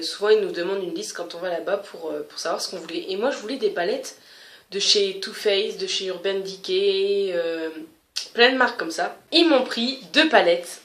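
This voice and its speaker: A young woman chatting casually in a home vlog, halting often with fillers and restarts as she shows her gifts. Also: mid-range voice, a little hiss or hum. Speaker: beauty vlogger. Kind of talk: casual haul chat. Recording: echoey room.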